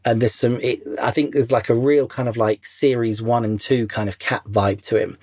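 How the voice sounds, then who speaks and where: A man's voice: mid-range voice, fairly even intonation, normal speed, darkish tone, no echo, studio quality. A man as an interview guest, talking casually and rambling with many fillers and restarts. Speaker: interview guest, former crew member.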